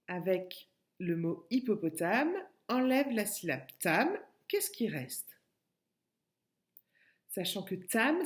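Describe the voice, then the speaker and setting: Slow, patient French teacher woman. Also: mid-range voice. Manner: slow, patient, spells words out syllable by syllable. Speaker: kindergarten teacher. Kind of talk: recorded lesson for a child at home.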